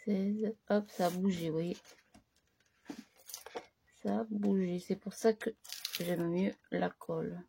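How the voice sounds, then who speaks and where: A woman hosting a crafting tutorial, chatting casually as she works, slightly hoarse and clearing her throat now and then. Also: fairly low pitch, fairly even intonation, warm tone, a little hiss or hum. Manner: slow, chatty, talks to herself while working.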